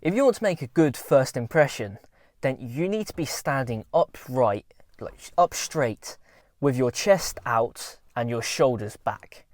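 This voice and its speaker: Young guy, mid-pitched, earnest and informal, coaching viewers in a dry, close-miked vlog. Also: animated, a little slow, no room sound. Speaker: self-improvement vlogger. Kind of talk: casual advice talk to camera.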